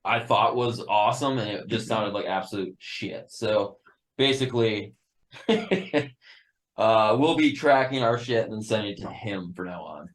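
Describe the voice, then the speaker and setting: Man, low voice, laid-back, laughs often, casual swearing, band guest. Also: moderate pace, poor audio. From Upper Peninsula of Michigan. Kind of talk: casual interview chat.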